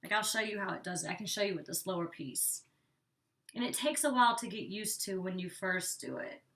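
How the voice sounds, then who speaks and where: A young beauty vlogger chats casually through a hair tutorial, rambling with lots of "like" and sounding a bit congested and out of breath. Her medium-pitched voice is fairly quick and fairly bright, recorded distant from the mic.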